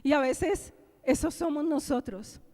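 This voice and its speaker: A woman pastor with a Bogotá Colombian accent, preaching animatedly and shifting from loud exclamations to hushed prayer in a church. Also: high voice, a little slow. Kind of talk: sermon. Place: large church sanctuary. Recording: echoey church hall.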